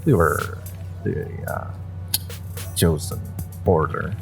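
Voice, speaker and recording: In an intimate audio roleplay, a man acts out a jaded, evasive Omega driver who is secretly a former judge, using an exaggerated, low, gravelly voice and a slow delivery. Wry, world-weary, resigned and bitter, he speaks in hesitant, offhand fragments. Clearly audible music and background ambience play underneath.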